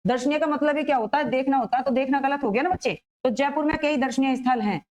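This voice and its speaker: A woman teaching an exam-prep grammar class in a high, light voice. She talks her students through each example, asking a question and then answering it herself. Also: a little mellow, low-quality recording. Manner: explains slowly, asks and answers her own questions.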